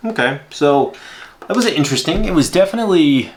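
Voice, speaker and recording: A man's voice: a little high, animated, fairly quick, a little hiss or hum. A man in his thirties hosting a movie reaction, giving casual, unscripted commentary with rambling asides.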